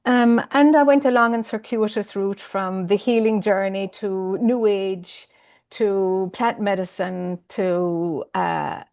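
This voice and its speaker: With a creaky, darkish, mid-range voice, a woman from Ireland in her fifties appears as a guest in a conversational video call interview. The spiritual teacher speaks candidly, wanders a bit in her answers, and laughs frequently.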